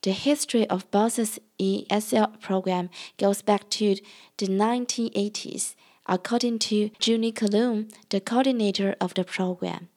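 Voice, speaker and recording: A woman who is an English language student, reading a scripted narration in a careful, measured way. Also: mid-range voice, steady tone, darkish tone.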